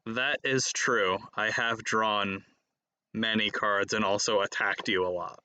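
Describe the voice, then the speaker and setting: A man chatting his way through a card game on a stream, playful and teasing, quick to burst into excited laughter. His voice sits a little low but sounds strikingly bright and forceful. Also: smooth, no echo. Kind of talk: casual chat while playing a card game.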